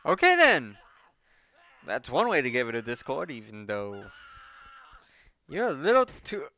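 Man with a Boston accent, reaction commentator: crisp, bright, awkward and rambling. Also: mid-range voice, sing-song, normal speed. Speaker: video commentator.

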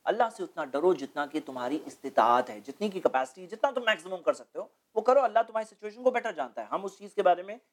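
A man's voice: high voice, expressive, quick pace, few pauses. Male guest speaker, studio interview, lecturing and explanatory, fond of rhetorical questions. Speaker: guest speaker on Islamic topics.

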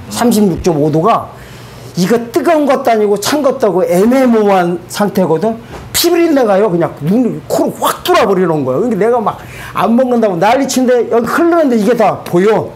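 A man giving a spoken testimony to a church congregation, animated and colloquial, asking the audience rhetorical questions. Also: high voice, a little hiss or hum.

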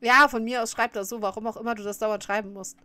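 A woman's voice: on the high side, steady tone, quick pace, sharp tone, clear, resonant tone, no echo. A woman streamer chatting casually while reacting to a clip, often laughing and scolding her viewers.

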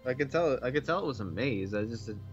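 A man's voice: mid-range voice, lively intonation, fast talker, muffled recording. A man bantering casually over gameplay as a co-host, tossing in offhand, joking asides. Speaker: let's play co-host. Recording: light game music behind voice. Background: video game music.

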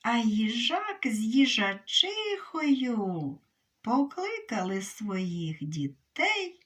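A woman reading a children's fairy tale aloud in an expressive, unhurried storytelling manner. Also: fairly high pitch, distant mic.

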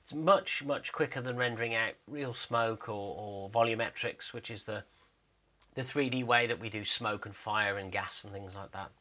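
This 3D animator offers a casual, unscripted commentary over a screen recording, walking through his behind-the-scenes animation work and thinking aloud along the way. His voice is fairly low, bright and forceful, delivered at a normal speed.

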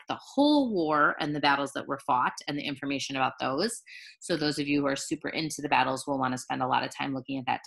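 A woman's voice: sits low, vocal fry, bright, forceful tone. A woman teacher talking casually through a recorded video lesson, rambling a little with fillers and restarts. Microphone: handheld recording device, jostled.

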